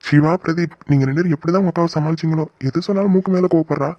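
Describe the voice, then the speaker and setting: A man's voice: on the high side, rapid-fire, warm tone, dry recording, dull audio, natural voice. A man voicing a good-natured, teasing husband in a cartoon, joking with his in-laws. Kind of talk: cartoon voice acting.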